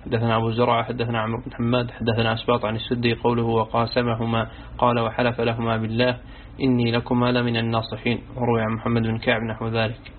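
A man reads a classical Quran commentary as an audiobook, reciting long chains of narrators at a quick clip. His delivery barely rises or falls, staying almost perfectly level. The recording is thin and phone-like, with a faint hiss underneath. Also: medium pitch, monotone. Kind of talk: audiobook reading of a religious text. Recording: tinny narrow-band recording with faint hiss.

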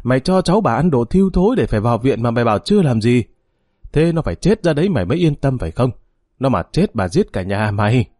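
A man voicing a sharp-tongued, scolding old grandmother. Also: medium pitch, sing-song, normal speed, no echo, studio quality. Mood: furious scolding. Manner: scolding, cursing.

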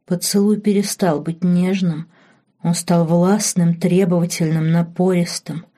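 A woman narrates a romance audiobook, reading each phrase in a measured, softly expressive way. Her voice is lowish and has a warm, mellow tone.

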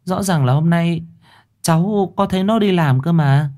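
A woman's voice: fairly low pitch, mellow, natural voice. A woman doing an eager young friend. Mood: puzzled. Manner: quick and polite.

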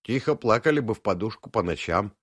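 Man voicing a sighing remorseful young woman, lively pitch, dry close sound. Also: a little fast, slightly rough, dry recording. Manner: sighing, self-reproaching.

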